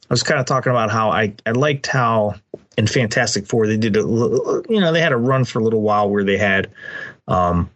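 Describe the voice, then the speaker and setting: A man co-hosting a podcast in casual chat, relaxed and agreeable, with lots of fillers and restarts. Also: medium pitch. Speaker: podcast co-host.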